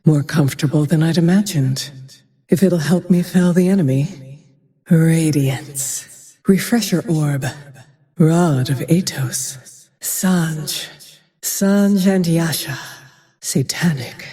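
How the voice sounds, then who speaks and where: A woman voicing a grim, vengeful, haunted female ranger hero in a fantasy game, with terse, brooding, breathy lines. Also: low-pitched, warm tone, heavily acted. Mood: cool, terse. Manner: measured, terse, brooding delivery. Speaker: video game voice actor. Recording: long reverb on the voice.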